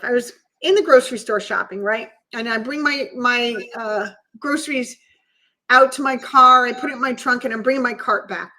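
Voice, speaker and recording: A woman with a slightly high voice tells a personal story as a podcast guest. She speaks earnestly and with feeling, often restarting her sentences as the memory moves her. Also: pushed and bright. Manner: earnest, emotional, halting restarts.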